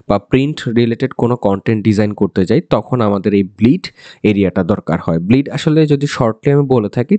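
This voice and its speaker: Man, software tutorial, low voice, dry recording, repetitive explaining. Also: dry recording. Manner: rapid, repetitive explaining with frequent fillers and checks.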